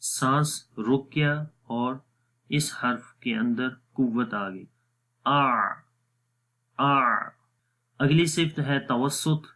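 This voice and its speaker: A young man gives a recitation lesson in an even, middle-pitched voice. He speaks very slowly and patiently. He stretches single sounds out long so a learner can copy them. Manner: drawn-out demonstrative pronunciations of letters. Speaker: Quran recitation teacher. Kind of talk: slow explanatory lesson.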